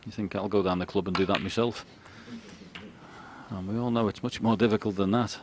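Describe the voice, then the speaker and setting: A man delivers brisk live co-commentary on a snooker match in a low, steady voice. Behind him you can hear the arena crowd and some faint noise.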